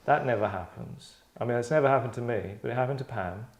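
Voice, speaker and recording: A man with a mid-range voice hosts and writes for a table read, talking fast in a rambling, digressive, tongue-in-cheek way. The audio is dull.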